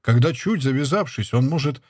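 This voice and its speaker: A man narrating a literary novel in a measured, even storytelling manner. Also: mid-range voice, no room sound, studio quality.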